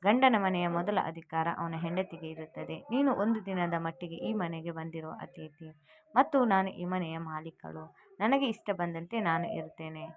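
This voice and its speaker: A woman's voice: fairly low pitch, normal speed, phone-quality sound, slight background noise, natural voice. A woman voicing a cruel, dismissive sister-in-law who speaks with contempt and claims the house as her own. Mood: scornful. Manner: dismissive and bossy.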